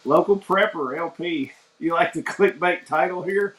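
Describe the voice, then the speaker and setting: A man's voice: on the high side, normal speed, fairly bright tone. A man, hosting a casual morning livestream, rambling in a folksy way and greeting viewers by name. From United States. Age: 40s. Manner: rambling, folksy, reads viewer comments aloud. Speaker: livestream host. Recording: echoey room.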